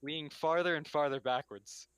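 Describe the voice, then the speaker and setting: Male player, eager and impulsive, fairly high, dry. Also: fairly even intonation, normal speed, a bit bright, clear, resonant tone, no echo. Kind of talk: casual tabletop role-play.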